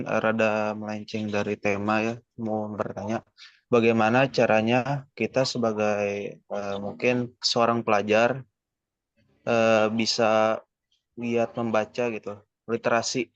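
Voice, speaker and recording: A man asking a question over a call, hesitant and filling his pauses. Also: on the low side, little pitch movement, dry recording. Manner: hesitant, with many fillers. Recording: dull lo-fi dry call audio.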